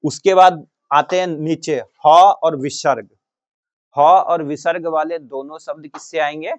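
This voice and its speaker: Guy teaching a class real slow, bit high voice, keeps asking the same thing over and over, muffled lo-fi sound. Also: steady tone. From Bihar, India. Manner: drills students with repeated questions and answers. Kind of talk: classroom grammar lesson. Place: coaching classroom.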